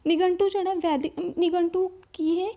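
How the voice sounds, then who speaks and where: A woman's voice: extremely high pitch, fairly even intonation, normal speed, warm tone. A woman with a Dogri accent giving an exam-prep lecture, explaining step by step with frequent checks and restarts. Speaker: teacher.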